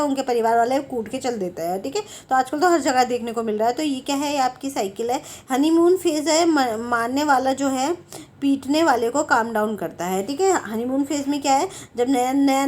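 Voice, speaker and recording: A woman's voice: sits high, darkish tone. A woman teaching an exam-prep home science lecture, explaining step by step and checking in often with "okay". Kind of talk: Hindi lecture for exam students.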